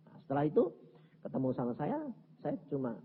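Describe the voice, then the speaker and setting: A male evangelist, preaching a sermon as a dramatic story and swinging from low murmurs to shouts. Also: huge pitch swings, brisk. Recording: tinny lo-fi recording with faint background hiss.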